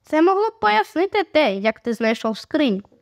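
A woman's voice: sits high, big pitch swings, normal speed, dry recording, clean studio sound, pitched above the performer's own voice. A woman voicing a sceptical young boy who speaks in a matter-of-fact, correcting way. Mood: dry.

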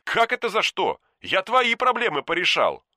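A man's voice: high-pitched, huge pitch swings, normal speed, pushed and bright, no echo, clean studio sound, pitched above the performer's own voice, exaggerated voice. A man voicing Anton, a cocky, touchy young man who talks in a chatty, sly way. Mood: offended. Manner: chatty, sly, easily offended. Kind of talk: audiobook character voice.

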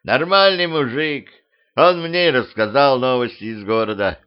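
A man's voice: medium pitch, moderate pace, clean tone, muffled recording, natural voice. A man doing a drawling, easygoing old man. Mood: dismissive.

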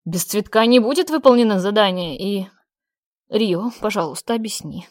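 A woman's voice: medium pitch, lively intonation, normal speed, no echo, studio quality, natural voice. A woman voicing an eager, pleading young man in an audiobook, talking in a rush and begging for help. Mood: anxious.

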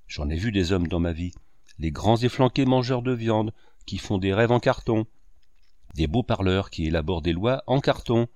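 A man reading an audiobook, voicing a boisterous, sarcastic old man who declaims and breaks into booming laughter. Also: animated, normal speed, a little mellow, no room sound, lightly acted. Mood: mocking. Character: boisterous sarcastic old male painter, mocking.

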